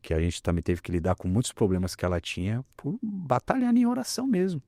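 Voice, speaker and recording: A man, a pastor telling a healing story in an animated, emphatic way. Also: mid-range voice, quick pace, no echo, studio quality. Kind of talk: testimony in a conversation.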